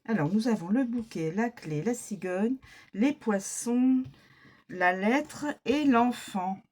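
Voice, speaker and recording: Slow, husky-voiced woman reading cards. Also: fairly high pitch, expressive, a little mellow. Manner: slow and halting, reads card meanings aloud and repeats words. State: frequent coughing, frog in the throat. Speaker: card reader. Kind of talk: unscripted card reading to camera.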